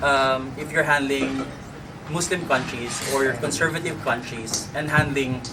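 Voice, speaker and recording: A man's voice: medium pitch, steady tone, unhurried. A man from the Philippines, speaking earnestly at a press conference and leaning on "actually" and "you know". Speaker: pageant franchise holder. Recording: echoey hall, distant mic, crowd noise.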